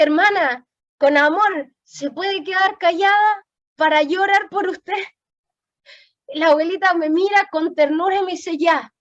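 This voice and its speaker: A woman's voice: very high voice, a bit bright, muffled recording. A woman preaching a sermon, telling an emotional testimony.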